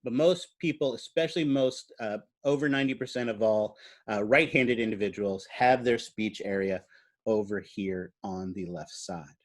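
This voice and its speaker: A man's voice: on the low side, normal speed. A man giving a biology lecture in a classroom. He explains at an easy, conversational pace, uses fillers like "uh," and puts questions to the students.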